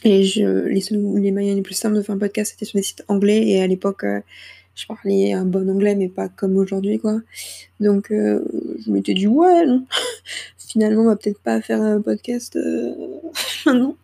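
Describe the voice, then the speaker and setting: A woman's voice: mid-range voice, little pitch movement, normal speed, creaky, dark tone, husky. A young woman hosting her own podcast, rambling casually with hesitations and self-deprecating asides, into a small microphone. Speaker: podcast host. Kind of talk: casual solo podcast chat.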